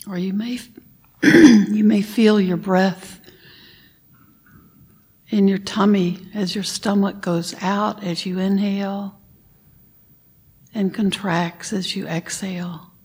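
A woman leading a guided meditation, giving gentle instructions and sometimes dropping to a whisper on the breath cues. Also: medium pitch, fairly even intonation, slow pace, pauses often, breathy edge.

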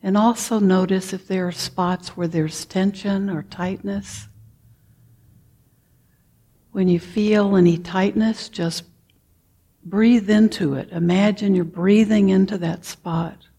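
A woman leading a guided meditation, talking softly and calmly, with frequent throat clearing. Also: mid-range voice. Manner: slow, soft-spoken and calm, with frequent throat clearing. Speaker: meditation teacher.

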